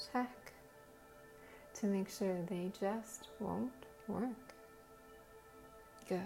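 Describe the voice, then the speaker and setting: A woman speaks as a slow hypnotist, easing through short phrases with long, soothing pauses. Her voice is soft and mellow with a gravelly creak, breathy as phrases fade. Faint music plays underneath. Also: medium pitch. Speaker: guided hypnosis and meditation host. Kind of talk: slow hypnotist-style guided relaxation.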